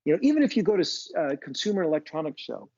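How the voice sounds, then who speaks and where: A U.S. business school professor reasons out loud in an informal podcast interview, with lots of fillers and repeated restarts. He speaks very fast in a fairly high, sing-song voice that is gravelly, darkish and slightly rough. There is no echo, but the highs are cut off.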